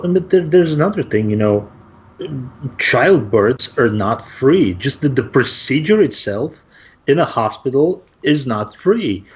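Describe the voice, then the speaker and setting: A man co-hosting a casual panel discussion, making his points earnestly. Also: mid-range voice. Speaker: co-host. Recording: dull lo-fi sound.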